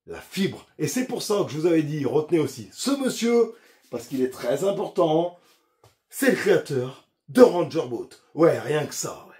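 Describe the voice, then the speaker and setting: A man's voice: fairly high pitch, very animated, normal speed, a little mellow. A man hosting a casual fishing vlog, talking straight to the viewer in a chatty, slangy way with restarts and asides. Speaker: fishing YouTuber.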